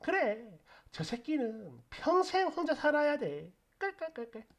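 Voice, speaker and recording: A woman's voice: fairly high pitch, moderate pace. Chatty Gyeongsang-accented woman storyteller. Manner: chatty, gleeful, expressive. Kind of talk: casual story narration.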